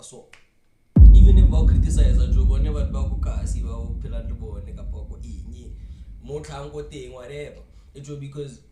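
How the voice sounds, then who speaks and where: Sitting far from the mic in an echoey room, with a little hiss or hum, a South African reaction streamer comments casually. His voice is medium-pitched and warm, and he rambles, repeats words and mixes in local slang.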